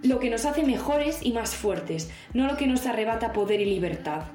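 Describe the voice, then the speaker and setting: A female columnist with a fairly high voice reads her scripted piece in a measured, earnest tone. The recording sounds roomy, and soft music runs underneath. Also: animated. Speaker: radio columnist. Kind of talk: scripted opinion reading.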